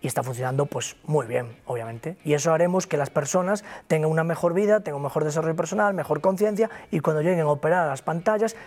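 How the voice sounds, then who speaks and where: Speaking with few pauses, this fast-talking man has a voice on the high side with a darkish tone. He's from Galicia, Spain, with a matching accent, and he founded a broker company. As an interview guest he's emphatic, motivational, and repetitive.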